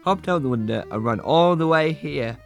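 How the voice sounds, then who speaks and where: A man's voice: fairly high pitch, animated, moderate pace, vocal fry, faint music behind, voice pushed down. A man voicing an earnest, persistent male talking badger, rambling as he explains himself. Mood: explaining.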